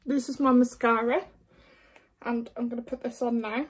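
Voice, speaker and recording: A woman chatting frankly through a makeup tutorial, her voice going hoarse, with lots of fillers along the way. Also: fairly high pitch, steady tone, normal speed. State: losing her voice. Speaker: beauty vlogger. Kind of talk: casual makeup tutorial chat.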